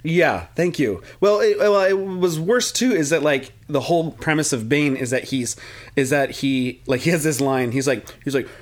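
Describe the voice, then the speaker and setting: A man's voice: fairly high pitch, normal speed. A man co-hosting a podcast in casual chat, rambling and joking, sometimes mimicking movie lines. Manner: rambling, jokey, slips into mocking movie voices. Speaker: podcast co-host.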